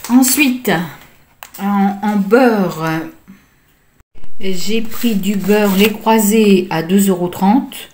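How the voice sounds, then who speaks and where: A woman's voice: medium pitch, darkish tone, a little hiss or hum. A woman, likely middle-aged, casually walking through her grocery haul in a vlog, hesitant with many fillers as she reads out prices.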